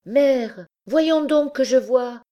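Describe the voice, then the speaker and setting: A woman narrator voicing a small, eager boy in a high, clear child's voice. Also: slow, dark tone, dull audio.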